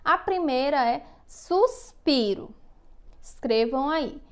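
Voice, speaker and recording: A Brazilian Portuguese-accented woman with a high voice talks young pupils through their worksheets in a recorded lesson. She dictates words slowly and patiently and keeps checking that the children are following. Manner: patient, slow dictation with frequent "tá bom?" checks. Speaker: first-grade teacher. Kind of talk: recorded remote class instructions.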